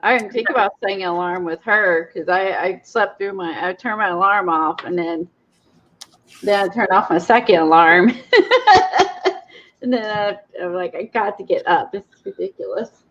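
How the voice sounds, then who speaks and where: A woman's voice: mid-range voice, moderate pace, fairly bright tone, dull audio. A woman chatting casually with a friend, easygoing and laughing often. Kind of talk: casual chat.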